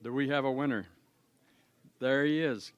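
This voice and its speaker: A man's voice: medium pitch, smooth, no room sound, highs cut off. Older man emceeing a raffle, dry sound. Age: 70s. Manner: folksy, reads raffle numbers slowly digit by digit. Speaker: reunion emcee. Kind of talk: casual event announcing. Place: school cafeteria at a class reunion.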